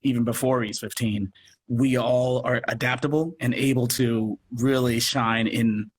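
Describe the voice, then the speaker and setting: Heard through a noisy live video call, a theatre company producer speaks as a guest a little slowly, his mid-range voice fairly even in intonation. He chats casually, emphatic and enthusiastic, frequently restarting his sentences and adding asides.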